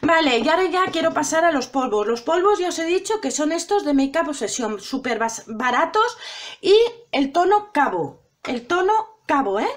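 A woman's voice: sits high, expressive, normal speed. A middle-aged woman with a Spanish accent from Spain, chatting to her viewers while doing her makeup, dramatic and talkative. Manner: chatty, self-dramatizing, addresses viewers directly. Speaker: beauty vlogger. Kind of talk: casual makeup tutorial chat.

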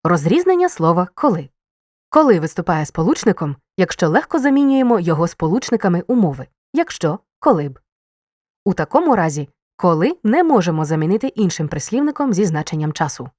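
A woman reading a scripted grammar lesson, explaining clearly and stressing key words. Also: on the low side, sing-song, brisk, a little mellow, dry recording, studio quality. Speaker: teacher.

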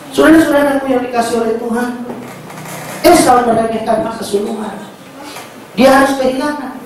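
A male pastor preaching a sermon, telling a story in an animated way and often addressing the congregation. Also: very high voice, slight background noise. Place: large church hall. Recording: echoey church hall, distant mic, faint ambience.

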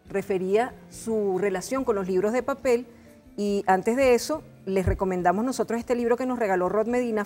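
A woman's voice: medium pitch, darkish tone. Venezuelan woman presenting over music. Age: middle-aged. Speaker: TV host. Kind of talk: book programme presenting. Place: TV studio. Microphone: lapel mic.

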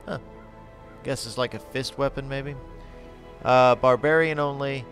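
A man giving casual gameplay commentary, reading item text aloud and thinking out loud as he sorts his party. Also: mid-range voice, fairly even intonation, measured pace, over music. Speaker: gaming channel host.

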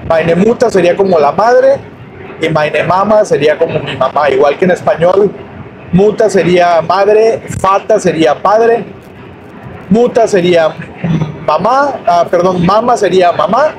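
A Mexican man with a fairly high voice teaches at an unhurried pace, repeating each word patiently. He talks from inside a moving car, and steady road and engine noise runs under his voice. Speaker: language teacher. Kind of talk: casual spoken lesson while driving.

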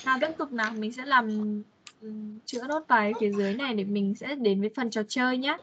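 A woman English teacher on an online class call, explaining patiently and drilling words slowly. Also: on the high side, fairly bright tone, a little hiss or hum. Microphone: computer mic on video call. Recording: dull, lo-fi video call audio.

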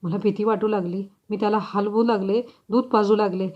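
A woman voicing a frightened, guilt-stricken young mother confessing in halting words, on a slightly dull recording. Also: mid-range voice, fairly even intonation, natural voice.

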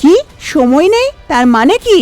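A woman's voice: high-pitched, sing-song, moderate pace, darkish tone, dry recording, faint music behind. A woman voicing a caring younger sister in a cartoon, concerned and urgent.

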